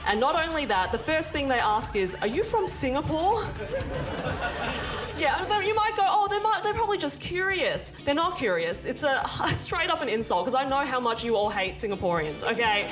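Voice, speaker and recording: An Australian woman from Melbourne, a comedian hosting a travel show, chatting and doing stand-up with frequent laughs. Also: fairly high pitch.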